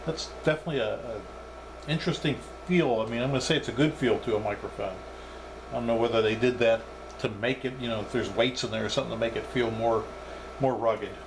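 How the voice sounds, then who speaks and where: Talking fast in a steady, mid-range voice, the man gives an improvised, hands-on review of radio gear, thinking aloud with some hesitation. Noise is clearly audible in the background.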